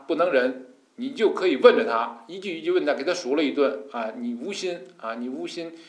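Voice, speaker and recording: A man giving a colloquial sermon that explains scripture, animated and folksy, with hushed asides and mock voices. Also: a little high, echoey room. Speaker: Buddhist teacher.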